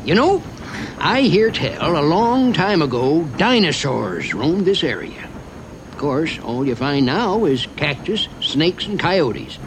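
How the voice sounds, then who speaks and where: A chatty frontier train guide with a rural Western American drawl. His voice sits high and swings freely up and down as he narrates a park ride with homespun, wry humor. Clear noise of the ride and animals runs behind him. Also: very animated, slow pace. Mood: folksy storytelling. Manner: drawling, folksy dialect with chuckles. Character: folksy old-west mining train guide, chatty and wry.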